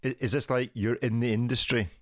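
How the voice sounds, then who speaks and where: A man's voice: mid-range voice, steady tone, a little fast, no room sound, studio quality. A man hosting a casual podcast chat, teasing his guests and laughing often. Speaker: podcast host.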